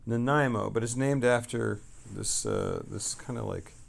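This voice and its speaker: Casual livestream chatter comes from a tired middle-aged man whose talk meanders, halts, and drifts off before sentences end. He has a gravelly, mid-range voice.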